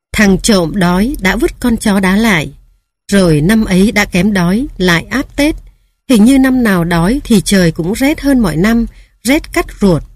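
Woman narrator for a storybook memoir, calm and measured, dry close mic. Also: medium pitch, no room sound.

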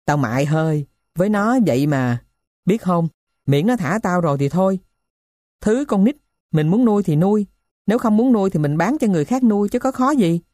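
Woman reading as a gruff poor male thief. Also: on the low side, lively intonation, a little fast, warm tone, no room sound, studio quality, lightly acted. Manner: rough, blunt storytelling. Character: poor middle-aged male thief telling his tale.

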